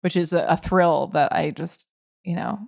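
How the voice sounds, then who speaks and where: A woman's voice: on the low side, normal speed, gravelly, no echo, studio quality. A young adult woman co-hosting a podcast, telling stories in casual chat and laughing often. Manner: laughs often, animated storytelling. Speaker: podcast co-host. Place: Brooklyn, New York.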